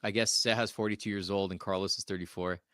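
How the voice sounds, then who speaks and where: This is a man in his forties hosting a casual live-streamed podcast about collectibles. His voice is bright and forceful, and he jokes easily while reading viewer comments aloud. The sound is dry and close to the mic. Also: fairly low pitch, steady tone, fast, no echo. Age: 40s. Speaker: podcast host.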